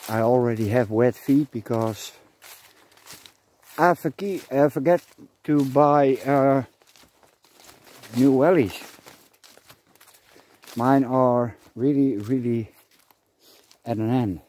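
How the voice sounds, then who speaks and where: A man's voice: mid-range voice, takes it slowly, pauses often, a little mellow. A man vlogging outdoors on a forest trail in light rain, chatting to himself and the camera in a rambling way. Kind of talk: casual outdoor vlog narration. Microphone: camera on a tripod.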